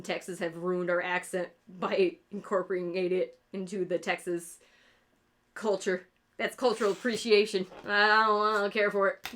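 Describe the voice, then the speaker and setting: This streamer and artist, a woman from rural New York State with an upstate New York accent, talks casually while she draws live. Her pitch is medium and her tone fairly bright. She wanders from topic to topic, curses often and cracks herself up.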